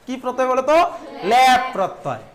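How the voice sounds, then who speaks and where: A man with a strikingly high-pitched voice leads a grammar lesson. He keeps asking his students questions and supplying the answers himself. He repeats key terms and draws out words slowly to model how they should be pronounced. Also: big pitch swings. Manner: stretches out words to model their pronunciation. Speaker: teacher.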